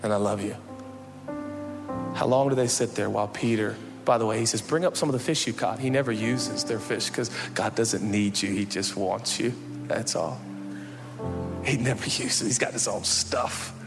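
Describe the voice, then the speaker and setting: A man preaching a sermon as pastor, swinging from loud shouts to hushed, low passages. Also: moderate pace, long reverb tail, over music. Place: church sanctuary.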